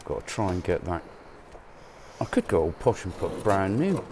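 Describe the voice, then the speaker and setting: A man's voice: low voice, big pitch swings, normal speed, noisy background. A man helping fix a car, giving short practical replies and laughing easily as he works. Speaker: co-mechanic. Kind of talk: casual workshop chat. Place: garage workshop.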